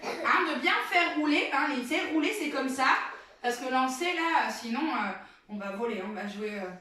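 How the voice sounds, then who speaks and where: A woman with a high voice talks a child through a home game and explains it to viewers, her tone steadily encouraging. She sounds set back from the mic in a small, very echoey indoor room. A faint noise runs under the recording. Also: animated, moderate pace, bright, forceful tone, recorded from a distance. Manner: encouraging, coaching a child along. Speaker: mother demonstrating children's games. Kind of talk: casual how-to demonstration for viewers.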